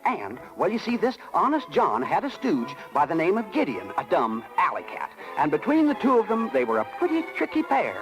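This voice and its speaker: A man's voice: sits high, huge pitch swings, brisk, hardly any pauses, full character voice, rough recording. A man playing a small, chatty cricket conscience, folksy and confiding, in a 1930s radio drama. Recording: vintage radio broadcast with music.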